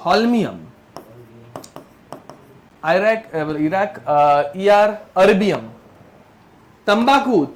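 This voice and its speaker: Male chem teacher, high voice, drills students with mnemonics. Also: a little hiss or hum. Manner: drills mnemonics, scolds students, Hindi mixed with English terms. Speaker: chemistry teacher. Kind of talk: classroom lecture.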